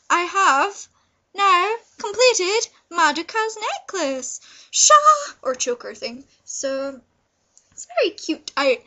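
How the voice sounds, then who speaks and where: Her voice sits high, bright and forceful as this young woman reviews visual novels on video. The review is casual and unscripted, and she rambles and gushes, repeating words for emphasis.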